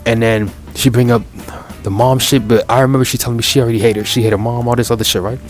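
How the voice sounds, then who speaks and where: A young man, telling a rambling, profane, animated story in casual chat, full of fillers and restarts. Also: mid-range voice, fast talker, soft background music. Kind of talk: casual story time over gameplay.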